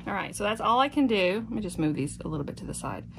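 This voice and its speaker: Woman, middle-aged, mid-pitched voice, informal tutorial narration, thinking aloud, clear background noise. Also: big pitch swings, fast talker. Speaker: quilting instructor. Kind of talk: casual step-by-step tutorial narration. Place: indoor home sewing room. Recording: clearly noisy home sewing-room recording.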